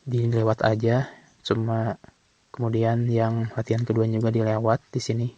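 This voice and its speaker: Flat-voiced man teaching Arabic phrases. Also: on the low side, dry recording. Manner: reads Arabic phrases slowly, then explains them quickly. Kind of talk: casual textbook walkthrough. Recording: dull, slightly lo-fi sound.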